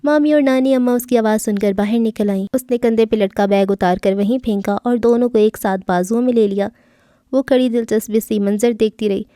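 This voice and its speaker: A woman narrating a novel as an audiobook, reading smoothly and with expression. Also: a little high, fairly even intonation, dark tone, no room sound, clean studio sound.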